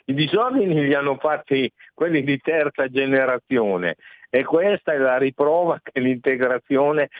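Phone-in caller, a mid-pitched man, blunt and emphatic, dry tinny phone line. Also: dry recording. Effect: heard over a phone line. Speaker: radio caller. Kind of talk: call-in opinion rant.

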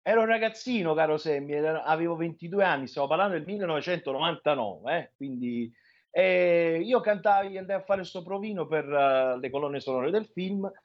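Higher-pitched Neapolitan man on a dull line. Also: lively intonation, brisk. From Naples, Italy. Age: 40s. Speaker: singer-songwriter, radio guest. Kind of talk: casual radio interview. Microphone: remote line into radio show.

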